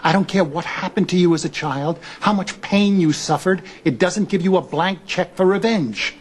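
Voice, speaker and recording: A man's voice: high voice, moderate pace, close to an everyday voice. An actor playing a stern middle-aged father who lectures his grown daughter in a soap opera. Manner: stern, scolding.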